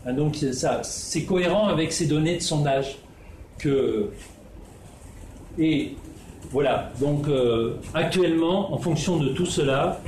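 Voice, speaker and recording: A man presents his research in a halting way, full of fillers and restarts. His voice is mellow and warm. It sounds like an echoey room with faint background ambience. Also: fairly high pitch, a little hiss or hum. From Netherlands. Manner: hesitant, many fillers and restarts. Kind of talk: spoken presentation.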